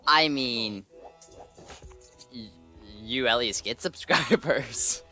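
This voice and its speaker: A man's voice: medium pitch, drawn-out words, bright, forceful tone, soft background music. A young man hosting a let's play, chatting casually and hesitantly with ums and restarts. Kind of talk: casual gameplay commentary.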